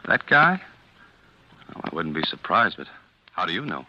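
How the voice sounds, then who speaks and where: Streetwise young ex-convict, American, extremely low voice, tough and wary; muffled vintage radio drama. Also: male voice, very animated, normal speed, slight background noise. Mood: concerned. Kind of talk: 1940s radio acting.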